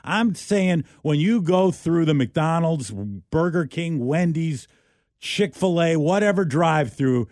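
A man co-hosts a morning radio show in a slightly high voice. He chats eagerly and keeps firing questions at listeners. The sound is dry and close, with no room echo. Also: slow pace. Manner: chatty, animated questioning of listeners. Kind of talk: casual morning radio chat.

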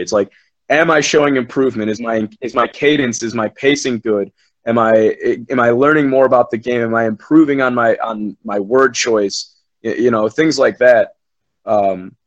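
A medium-pitched man's voice comes through with lo-fi sound. An esports commentator, he chats casually on a podcast, rambling, swearing, and sounding sure of himself.

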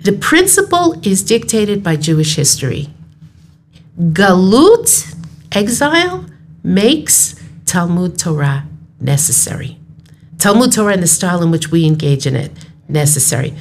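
Woman teaching torah, bit low voice, emphatic, faint hiss behind. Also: sing-song, unhurried. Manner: explanatory, emphatic, uses Hebrew terms. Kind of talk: conversational Torah study discussion.

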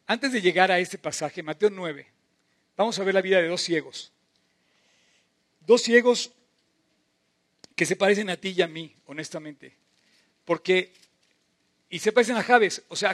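A middle-aged preacher man with a notably high voice delivers a sermon. He is impassioned, rising to loud emphatic bursts, then dropping to soft, drawn-out phrases.

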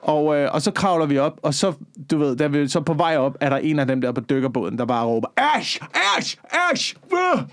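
A man's voice: medium pitch, steady tone, few pauses, clean tone, dry recording, studio quality. A man co-hosting a casual podcast, rambling through stories with a lot of casual swearing. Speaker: podcast co-host.

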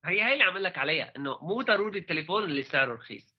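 A man with a Levantine Arabic accent talking casually about tech in a halting way, mixing English terms into his speech. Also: high-pitched, animated, breathy edge, lo-fi sound. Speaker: podcast co-host.

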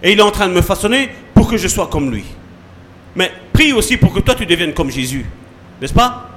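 A man delivers a sermon as pastor, his voice sitting high for a man. His pitch leaps and dips constantly, dropping to hushed asides and then rising to loud rallying calls. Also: brisk, slight background noise. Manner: lively preaching, sudden drops to soft asides and rises to loud calls.

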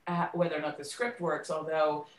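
A woman who directs and produces theater talks conversationally as an interview guest, repeating words to stress her points. Her voice sits low, flat, and a little fast, in a roomy, echoing recording.

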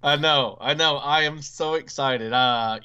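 Male co-host, casual, eager, halting; smooth voice, muffled audio. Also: on the high side, pushed and bright. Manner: enthusiastic, halting with restarts. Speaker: podcast co-host. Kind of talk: casual chat.

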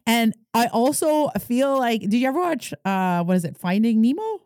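Woman host, higher pitch, soft dark tone, dry booth, rambling and encouraging. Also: lively intonation, moderate pace, no room sound. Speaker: podcast host. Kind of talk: casual interview chat.

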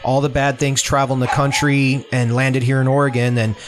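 A man's voice: mid-range voice, level tone, fairly quick, background noise. A man being interviewed as a political candidate, talking in an earnest, rambling way with many false starts, in a home room. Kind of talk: casual podcast conversation. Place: home room with open window.

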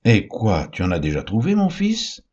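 An old blind father, solemn and questioning as he blesses his son, read by a man. The voice is very deep with a husky edge. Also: wildly swooping pitch, normal speed, darkish tone, dull audio, full character voice. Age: older.

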